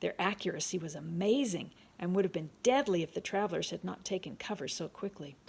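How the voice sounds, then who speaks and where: A grandmotherly woman over sixty reading a chapter book aloud in a calm, steady storytelling manner. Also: fairly low pitch, brisk, vocal fry, slightly rough.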